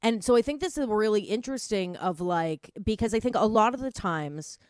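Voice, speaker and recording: A woman's voice: medium pitch, lively intonation, a little fast, darkish tone, clean tone, no room sound, studio quality. A woman hosting a radio interview, asking questions in a chatty way and thinking aloud. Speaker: radio show host.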